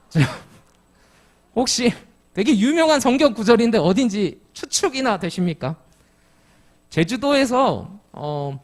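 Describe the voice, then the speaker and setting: A middle-aged man from Jeju preaching an expository sermon, explaining step by step and putting questions to the congregation. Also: sits high. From Jeju, Korea. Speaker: pastor. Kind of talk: expository sermon at a midweek service.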